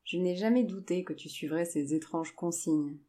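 A woman's voice: on the low side, moderate pace, warm tone, lightly acted. A woman doing a frail, loving old grandfather. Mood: fond.

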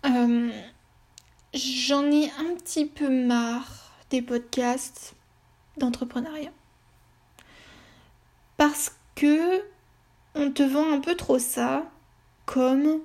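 A woman's voice: high-pitched, steady tone, drawn-out words, pauses often, darkish tone. A woman hosting her own podcast, chatting casually and hesitantly with many fillers and restarts. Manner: rambling, hesitant, lots of fillers. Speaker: podcast host. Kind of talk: casual solo podcast chat.

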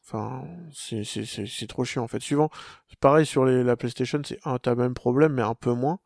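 A man's voice: mid-range voice, steady tone, normal speed, creaky, a little mellow, no echo, studio quality. A young adult man co-hosting a casual tech chat, rambling with many restarts and fillers. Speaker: podcast co-host.

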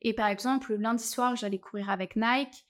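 Young woman vlogger, relaxed advice talk, restarts a lot, slightly high voice. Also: fairly quick. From France. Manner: chatty, many fillers and restarts. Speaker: travel vlogger.

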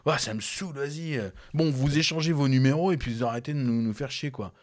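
A young man spins an animated story for a friend in loose, slangy casual chat. He laughs often as he talks. His voice sits at a middling pitch. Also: a little fast.

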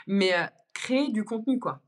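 Young woman guest on a podcast, chatty, lots of um and restarts, medium pitch, laid back. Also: lively intonation, normal speed. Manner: chatty, many fillers and restarts, laughs easily. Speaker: guest, content creator. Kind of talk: casual podcast conversation.

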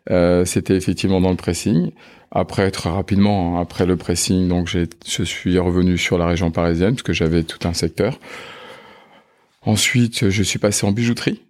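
A man's voice: low voice, fairly even intonation, moderate pace, a little mellow. A man in his fifties, a funeral home manager, chatting in an interview with many hesitant filler sounds. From France. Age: 50s. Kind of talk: casual interview chat.

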